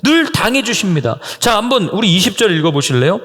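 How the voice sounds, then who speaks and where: A man preaching a sermon as pastor, animated and at times dropping to a soft hush. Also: high-pitched, fairly quick, big-room sound. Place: underground church hall. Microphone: voice recorder.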